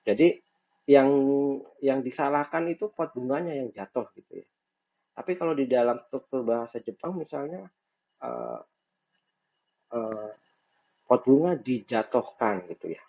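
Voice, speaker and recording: Man, lecturer, gravelly, many fillers, lo-fi recording. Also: medium pitch. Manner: thinking aloud with many fillers and restarts. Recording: dull lo-fi recording.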